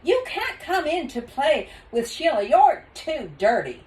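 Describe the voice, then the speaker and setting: A woman's voice: high-pitched, very animated, measured pace, darkish tone, echoey room, voice pushed up. An older woman voicing a stern, indignant father in an emphatic grandmotherly storybook reading. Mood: scolding. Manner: emphatic, grandmotherly read-aloud.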